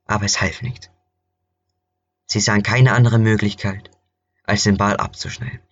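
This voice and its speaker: A man's voice: lowish voice, little pitch movement, normal speed, a bit bright, lo-fi sound. A man narrating a fairy tale in a plain, conversational storytelling style.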